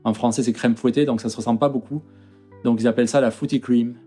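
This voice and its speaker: A man's voice: medium pitch, steady tone, fast, dark tone, breathy edge, faint music behind. A man from France in his thirties, talking casually as an interview guest, hesitant with many fillers and restarts.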